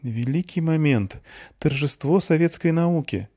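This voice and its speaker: A man voicing a young Soviet woman who speaks quietly and resolutely. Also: on the high side, measured pace, pitched above the performer's own voice. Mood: quiet resolve. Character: young woman, Soviet lab worker, earnest.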